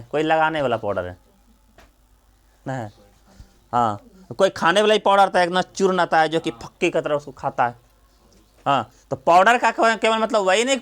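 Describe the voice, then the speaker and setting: A man's voice: on the high side, a bit bright. A male coaching teacher giving a classroom grammar lesson, drilling students with repeated questions and then answering them himself.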